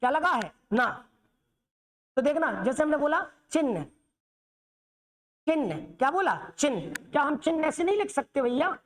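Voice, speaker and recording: A woman with a high voice teaches the Hindi alphabet. She asks her students questions, answers them herself, and keeps checking that they follow. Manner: repetitive, checks students' understanding. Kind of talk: classroom lesson on Hindi script.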